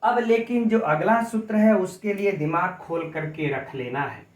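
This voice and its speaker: High-voiced man teaching grammar, echoey room. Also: unhurried. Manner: explains step by step, keeps addressing the students as friends and quizzing them. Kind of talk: exam coaching lecture.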